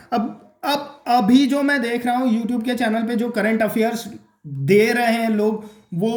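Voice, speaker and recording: A man giving a casual exam-prep lesson, repeating his points and checking in with "okay?" and "clear?". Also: very high-pitched, roomy sound. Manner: repeats points, addresses viewers as guys and friends.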